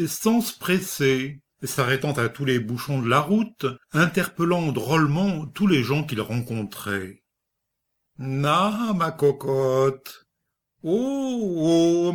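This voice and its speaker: Male audiobook reader, unhurried and measured, plain middle voice for story narration. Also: medium pitch, a bit bright. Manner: slow, measured reading. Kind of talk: scripted narration of a short story.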